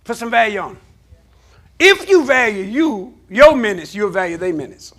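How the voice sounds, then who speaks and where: A man preaches in a church sanctuary, his voice pitched unusually high. The tone is bright and forceful. He works the room with call-and-response and pushes up into shouting. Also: big pitch swings, moderate pace. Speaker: pastor. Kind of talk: sermon.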